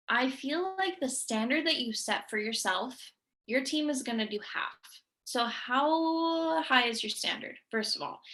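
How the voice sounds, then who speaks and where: A woman's voice: a little high, bright, forceful tone. A young woman giving an earnest, emphatic motivational talk to her sales team. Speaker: team leader.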